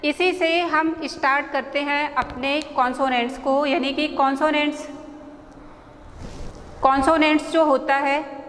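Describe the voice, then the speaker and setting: A woman with an Indian accent teaching an English spelling lesson at a board, slowly spelling out letters and their sounds one by one. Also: high-pitched, fairly even intonation, fairly bright tone. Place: school classroom. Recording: reverberant room, faint background noise.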